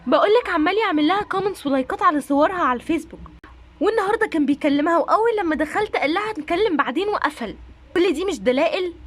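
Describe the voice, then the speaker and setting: A woman voicing a jealous, suspicious teenage girl doll in doll play, speaking fast and insistently with an Egyptian Arabic accent. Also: very high voice, lively intonation, a bit bright, voice pushed up.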